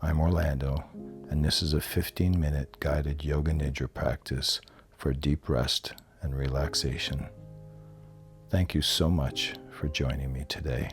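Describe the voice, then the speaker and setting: As a yoga nidra guide, this man speaks in a very deep, calm voice, soothing and measured like a relaxation instructor. He takes his time, with hardly any rise or fall in pitch. Gentle plucked guitar music sits in the background.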